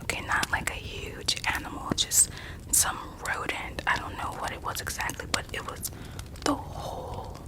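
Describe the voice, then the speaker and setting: A person telling stories in a soft, breathy ASMR whisper, lingering over words and softly repeating some of them. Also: normal speed, poor audio. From United States. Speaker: ASMR creator.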